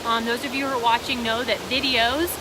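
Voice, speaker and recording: Earnest woman on a noisy livestream. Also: a little high. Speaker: co-host. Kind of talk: casual livestream chat. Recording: noisy livestream with steady rushing hiss.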